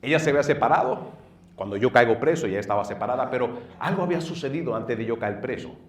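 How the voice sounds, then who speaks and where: A Dominican-accented pastor in middle age shares his personal testimony earnestly, swinging between loud bursts and quiet murmurs with lively intonation and a quick pace. He's from the northeastern United States, and the distant mic gives the recording a roomy sound.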